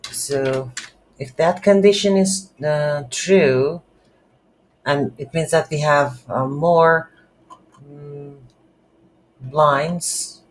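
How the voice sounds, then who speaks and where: Keyboard typing and room noise surround a slow, hesitant narrator: a game development tutor thinking aloud mid-code in an unscripted lesson. His voice is mid-range.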